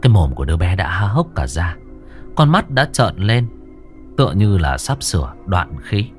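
A man narrating a horror story in a lively, dramatic way. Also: sits low, normal speed, faint music behind.

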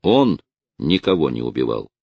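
A man voicing a stern, weary male police officer who speaks quietly and firmly. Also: very deep voice, big pitch swings, moderate pace, creaky, no room sound, dull audio, heavily acted.

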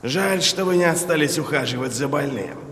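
A man's voice: a little high, expressive, moderate pace, a bit bright, long reverb tail, voice pushed up. A man reading an audiobook, voicing a bitter, sarcastic crippled middle-aged inquisitor who snarls through his pain. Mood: sardonic.

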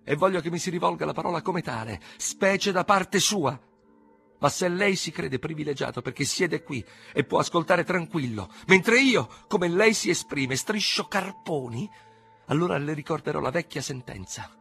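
A man voicing a cringing male defendant in an audiobook, shrill, aggrieved and pleading. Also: lively intonation, moderate pace, gravelly, a bit bright, husky, faint music behind, full character voice. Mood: indignant. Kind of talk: audiobook character voice.

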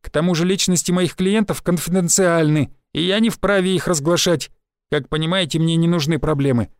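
Man doing a shrill panicky pawnbroker. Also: normal speed, dry recording, clean studio sound. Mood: irritated. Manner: squealing, panicked pleading. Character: nervous middle-aged male pawnbroker, shrill and whiny.

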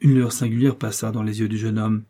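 A man narrating a novel in an even, measured audiobook reading. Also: fairly low pitch.

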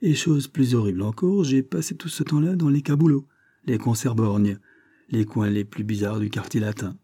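A coolly ironic amateur detective answers in a dry, calm voice, as a man reads him. The tone is very dark and mellow. It is a storybook reading. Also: medium pitch, normal speed, slightly rough. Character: Toto Fouinard, cool ironic male amateur detective.

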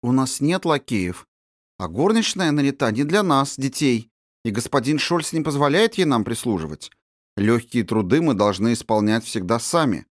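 A man's voice: fairly high pitch, big pitch swings, fairly quick, few pauses, no echo, clean studio sound, pitched above the performer's own voice. A man reading an audiobook, voicing an honest, earnest little orphan girl with a serious tone. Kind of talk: audiobook character voice.

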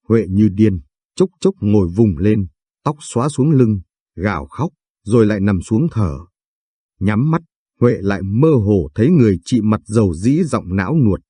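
A man reading literary short stories aloud in a slow, measured narration style. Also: on the low side, warm tone, breathy edge, dry recording, studio quality. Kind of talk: scripted story narration.

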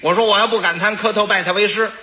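A man's voice: high-pitched, fairly even intonation, fast talker, sharp tone. A man voicing a blunt, fearless minister who boasts emphatically. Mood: explaining. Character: bold blunt male minister, unafraid and cocky.

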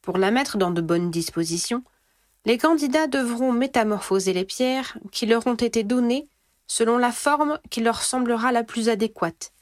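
A grand headmistress declaims a formal announcement in a measured, chanting cadence, as a woman reading the story puts her on. Her tone is stately and solemn. The sound is dry and close. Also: on the high side, no room sound, voice pushed up, natural voice.

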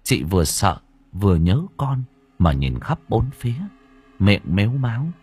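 A man narrating a story slowly and dramatically, letting his voice swell at tense moments. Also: fairly low pitch, big pitch swings, a little mellow, husky. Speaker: audiobook narrator. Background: faint background music.

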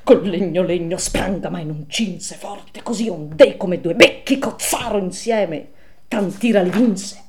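A middle-aged woman giving a live dramatic poetry recitation, theatrical, swinging from whispers to loud declaiming. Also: on the low side, takes it slowly. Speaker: reader.

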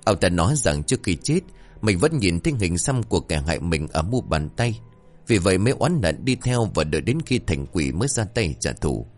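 A man with a deep voice narrating a spooky comic tale. His delivery swings widely in pitch and stays dramatic, with faint music underneath. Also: very animated, brisk. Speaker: storyteller. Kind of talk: scripted horror-comedy narration.

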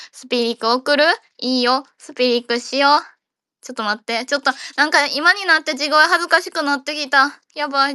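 A woman's voice: high-pitched, sharp tone, no room sound, studio quality. A woman with a Kansai accent hosting a casual audio chat room, joking around and rambling playfully. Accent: Kansai Japanese.

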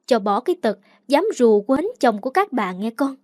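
A woman's voice: a little high, expressive, normal speed, darkish tone, no echo, clean studio sound, lightly acted. A woman voicing a fierce, hostile woman who threatens in a coarse way. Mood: threatening.

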